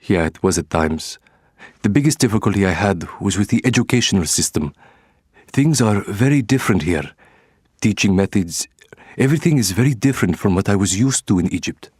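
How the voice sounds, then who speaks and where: A calm engineer from Egypt, plain-spoken in a scripted textbook interview. His voice sits fairly low and sounds close and dry. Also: fairly quick, slightly rough, no room sound. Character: Egyptian engineer who moved to the US.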